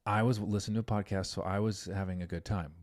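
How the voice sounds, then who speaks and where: A middle-aged man hosting a parenting podcast, telling a story in an earnest, animated way and saying "like" often. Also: on the low side, fast. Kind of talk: casual podcast conversation.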